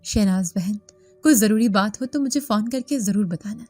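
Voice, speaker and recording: Woman reading as a calm kind gatekeeper, reassuring, warm low-key tone, dry sound. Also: no room sound, faint music behind, lightly acted. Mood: urging. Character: kind protective male gatekeeper, steady.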